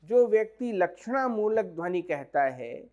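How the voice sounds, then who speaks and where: A man giving a measured academic lecture on poetics, explaining point by point with examples. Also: sits high, big pitch swings, darkish tone, muffled recording.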